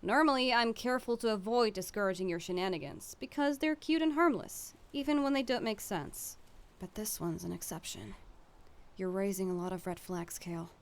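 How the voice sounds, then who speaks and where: A woman plays an exasperated, sensible older-sister type in an animated comic dub, stern and sardonic yet caring, with music playing behind her. Her pitch is medium and her speed normal, close to an everyday speaking voice.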